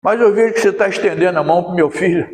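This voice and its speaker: A man voicing a resentful male spirit, a dead father speaking slowly and heavily, in an echoey hall. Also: high-pitched, darkish tone, natural voice. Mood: accusing.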